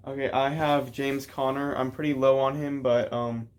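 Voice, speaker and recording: A man casually ranking football players, hesitant and pausing often with ums. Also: mid-range voice, little pitch movement. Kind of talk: casual chat.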